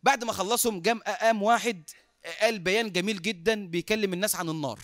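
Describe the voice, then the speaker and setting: A man with an Egyptian accent delivers a sermon as a lively story, his voice pitched high and his speech very quick. He acts out the dialogue and laughs often, recorded close and dry with no room echo. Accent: Egyptian Arabic. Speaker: preacher.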